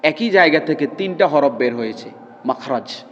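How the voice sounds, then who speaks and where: Male recitation teacher, high voice, stretches demo sounds and checks comprehension. Reverberant, muffled hall recording. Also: animated, fairly bright tone, slight background noise. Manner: keeps checking the class understands, drawls demonstration sounds slowly. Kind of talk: classroom pronunciation lesson. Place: classroom with students.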